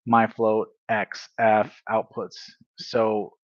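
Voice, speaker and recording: A man talks through programming exercises at a slow, unhurried pace, thinking aloud and correcting himself as he goes. His voice sits on the low side. The recording is dry and a little dull, like a lo-fi stream mic. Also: monotone, no echo. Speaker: tutor livestreaming a study session. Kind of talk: casual thinking-aloud coding walkthrough.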